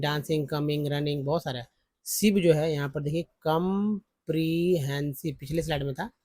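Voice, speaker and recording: A man teaching English spelling and pronunciation from slides, repeating syllables slowly and calling viewers friends. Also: on the high side, dark tone, no room sound. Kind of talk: slide-based phonics lesson.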